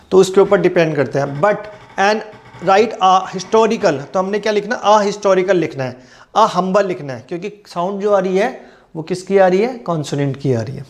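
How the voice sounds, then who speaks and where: A male English grammar teacher giving an exam-prep lesson. He explains in Hindi, reads the English examples slowly, and asks the class questions that he then answers himself. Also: high-pitched, darkish tone.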